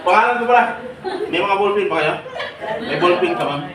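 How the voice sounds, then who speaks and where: A man giving a lively seminar talk to departing workers, fast-talking and joking, often laughing. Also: high voice, a crowd in the background. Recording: echoey noisy hall from far off. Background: loud room noise.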